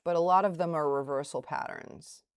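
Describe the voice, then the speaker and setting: Recorded dry, a low-pitched woman speaks at normal speed while commenting live on her trades. She is a middle-aged day-trading livestream host from the Boston area with a light local accent, and she thinks aloud with faltering restarts and bits of laughter.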